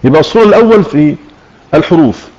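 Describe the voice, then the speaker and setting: A man with an Egyptian accent teaching a religious lesson, explaining with questions to his listeners and slowing down to demonstrate recitation. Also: a little high, lively intonation, a little mellow. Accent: Egyptian Arabic. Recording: muffled lo-fi online audio room.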